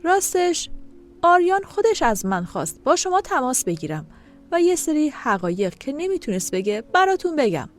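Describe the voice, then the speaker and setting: Brief: woman reading a pushy adult man caller in an audio story, firm and pressing, fairly high and lively, soft music behind. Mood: insistent. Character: blunt insistent adult man on the phone.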